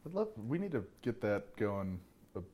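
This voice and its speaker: A man chatting casually in a group conversation, often halting and repeating words with filler sounds as he explains. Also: lowish voice, sing-song, a little mellow. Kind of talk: casual chat.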